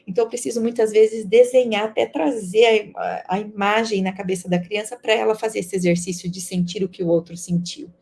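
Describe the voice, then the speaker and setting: A woman's voice: mid-range voice, steady tone, a little fast, gravelly, hardly any pauses, mellow, breathy edge. A woman educator with a Brazilian Portuguese accent gives an explanatory teacher-training talk, acting out classroom dialogues.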